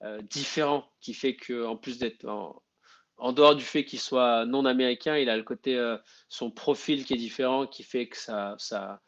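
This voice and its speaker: A man's voice: medium pitch, moderate pace, highs cut off. A man co-hosting a live basketball chat, hesitant and repeating words as he searches for them. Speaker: podcast co-host.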